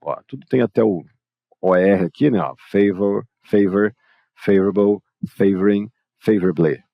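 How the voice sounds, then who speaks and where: Gravelly, low-voiced Brazilian man teaching. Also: a little slow, no echo, highs cut off. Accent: Brazilian Portuguese. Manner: explanatory, informal, addresses students directly. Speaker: English teacher. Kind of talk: live online grammar lesson.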